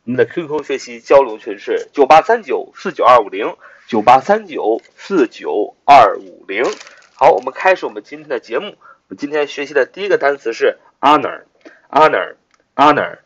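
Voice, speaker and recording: A man's voice: medium pitch, animated, a little fast, a bit bright. A man teaching English vocabulary in a recorded lesson, repeating words and spelling them out letter by letter. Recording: dull lo-fi recording.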